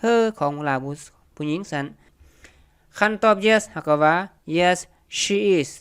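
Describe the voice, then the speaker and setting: An English teacher with a Lao accent, whose first language is Lao, gives a beginner lesson and says each English word slowly twice. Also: medium pitch, lively intonation, a bit bright, clear, resonant tone, no room sound, studio quality.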